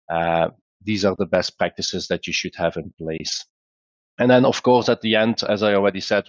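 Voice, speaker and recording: A Belgian-accented man, the founder of a company, presents a webinar in a conversational, explanatory style, frequently pausing on "uh" and starting sentences over. His pitch sits fairly low, the recording has no echo, and the high frequencies are cut off.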